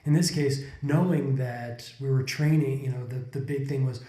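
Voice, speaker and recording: In a casual podcast chat, this forties-aged male co-host thinks out loud, rambling reflectively and restarting sentences again and again. His mid-range voice is mellow, a touch dark, steady in tone and at a normal speed. Seated on a couch indoors, he's captured by a desk condenser mic in front of the couple, with clear room echo around it.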